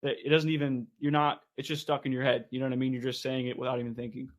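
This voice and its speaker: A man's voice: mid-range voice, little pitch movement, quick pace, dull audio. A man who leads a sales team, in a casual podcast conversation, explaining things step by step with lots of "like" and "right".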